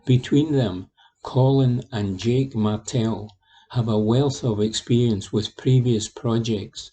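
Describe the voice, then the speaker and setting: Male volunteer news reader, unhurried and warm-toned, steady delivery. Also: medium pitch, low-quality recording. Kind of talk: reading news articles aloud.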